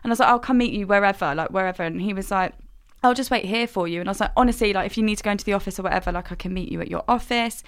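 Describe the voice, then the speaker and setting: A young woman, chatting on a podcast with a voice of middle pitch. She tells her story in an animated way, acts out each person's lines and laughs often. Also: racing, clean tone. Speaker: podcast co-host. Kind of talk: casual chat, storytelling.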